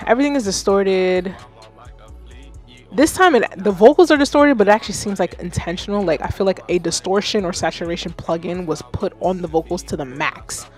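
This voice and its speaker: A woman in her thirties hosting a live music feedback stream, chatting casually, animated and self-mocking, talking to her chat. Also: fairly low pitch, brisk. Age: 30s. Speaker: livestream host giving music feedback. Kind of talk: casual livestream commentary.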